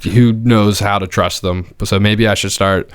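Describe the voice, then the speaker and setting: Male co-host, casual and hesitant, smooth tone, close dry recording. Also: fairly low pitch, fairly even intonation, a little slow, dry recording. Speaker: podcast co-host. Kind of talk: casual chat.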